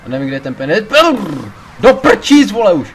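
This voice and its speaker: A man commentating his gameplay in a casual, rambling way, his voice sitting a little high for a man. He gets excitable, swears freely and shouts in panic when the game turns against him, with faint noise behind him. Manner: excitable, swears a lot, panics loudly in tense moments. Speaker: let's play gamer.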